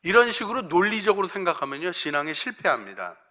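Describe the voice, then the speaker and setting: A man preaching a sermon as pastor, swinging from hushed near-whispers to fervent shouting and putting questions to the congregation. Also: high-pitched, sing-song, fast. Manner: asks the congregation questions and answers them; acts out quoted voices within the sermon.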